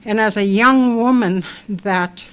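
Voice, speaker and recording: Soft-spoken older woman, stuffed-up voice. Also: medium pitch, smooth. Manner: soft-spoken, halting with fillers. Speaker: elder speaking on a panel. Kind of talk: personal talk at a public event.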